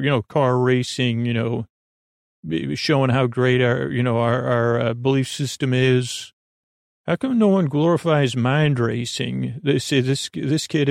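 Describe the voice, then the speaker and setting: A man with a creaky, mid-range voice hosts a sleep podcast, offering a soothing bedtime monologue that meanders, hesitates and keeps wandering into tangents. The recording is dry, with clean studio sound.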